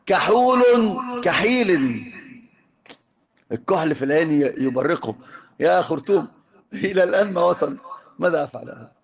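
Man, Egyptian accent, religious teacher, teasing and playful with students, fairly high voice. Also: fast, gravelly. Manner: teasing, jokes with students, mixes classical and colloquial. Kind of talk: informal religious lesson.

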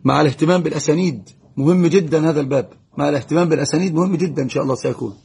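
A man giving a live religious Q&A lesson, answering viewer questions quickly and greeting and blessing viewers by name. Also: on the high side, vocal fry, dark tone, husky. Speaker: religious teacher.

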